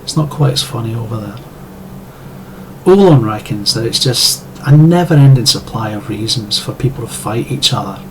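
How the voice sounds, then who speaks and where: A man's voice: mid-range voice, animated, normal speed, a little hiss or hum, rough recording. A Scottish man delivering a sardonic, profane monologue as a commentator. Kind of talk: scripted monologue.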